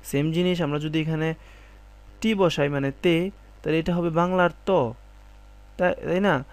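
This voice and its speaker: A man with a somewhat high voice teaches French pronunciation. He speaks each French phrase slowly and deliberately, then explains it plainly. He often stops to ask whether his listeners understand. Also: steady tone, smooth. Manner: often checks understanding with "ঠিক আছে?" and "d'accord?". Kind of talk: spoken language lesson.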